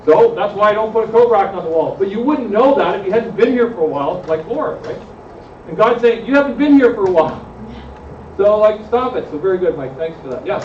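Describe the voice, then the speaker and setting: A high-voiced man leads a church discussion group and keeps asking questions of the room. He is recorded from across an echoey room, so he sounds muffled and distant, with faint noise behind him. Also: lively intonation, brisk. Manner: questions the group, frequent "right?" tag. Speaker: pastor leading a group discussion. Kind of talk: conversational Bible study discussion.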